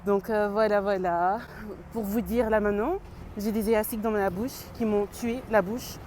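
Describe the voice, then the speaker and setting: A woman's voice: medium pitch, steady tone, normal speed, darkish tone, slight background noise. A woman vlogger chatting casually and slangily, as if to friends. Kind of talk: casual vlog chat.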